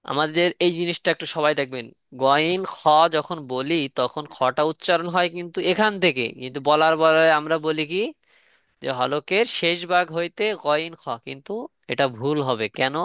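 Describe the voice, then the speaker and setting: A man's voice: on the high side, moderate pace, fairly bright tone, smooth, dry recording, clean studio sound. A man teaching Quran letter pronunciation in a live online class, repeating questions and asking students to respond.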